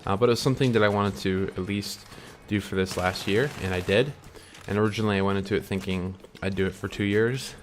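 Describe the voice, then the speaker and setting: A young vlogger with a fairly low, steady voice talks fast with few pauses, chewing candy as he reflects casually on following his dreams. The earnest monologue rambles through ums and restarts, with slight background noise.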